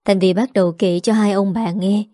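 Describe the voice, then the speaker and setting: A woman narrating a story in a calm, even reading voice. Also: medium pitch, normal speed, no room sound, studio quality.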